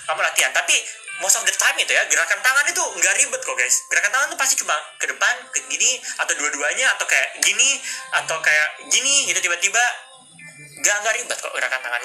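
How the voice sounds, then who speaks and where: A man's voice: high voice, pushed and bright. A man hosting a casual live stream, coaching viewers on public speaking and mixing English phrases into his talk. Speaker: livestream host. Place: indoors at a desk with a laptop.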